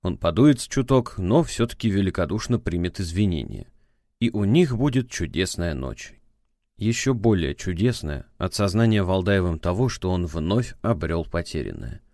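A man reading an audiobook in a measured, dramatic narration style. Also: low voice, very animated, mellow, dry recording, studio quality. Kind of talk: scripted narration.

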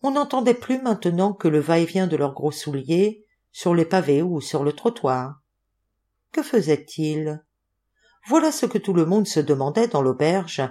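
A woman reading a classic novel aloud as an audiobook, with an expressive delivery. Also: sits low. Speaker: audiobook reader.

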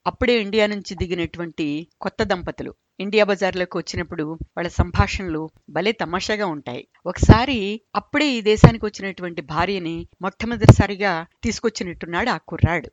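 A woman's voice: on the low side, a little fast, a little mellow, no echo. A woman telling humorous stories in a chatty, amused way. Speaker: storyteller. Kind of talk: humorous storytelling narration. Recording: dull dry recording.

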